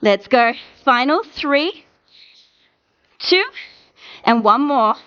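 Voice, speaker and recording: Upbeat woman workout coach, higher voice, dull lo-fi recording, counts down reps. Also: lively intonation, smooth. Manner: encouraging, brisk coaching with countdowns. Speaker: fitness instructor. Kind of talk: live workout cueing.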